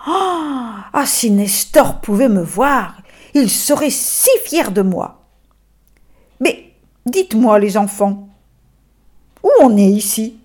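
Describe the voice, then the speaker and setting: A woman's voice: fairly high pitch, expressive, takes it slowly, pauses often, darkish tone. A woman voicing a humble, sad young male donkey who talks meekly and with wonder in a storybook tale. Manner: meek, wondering, self-pitying.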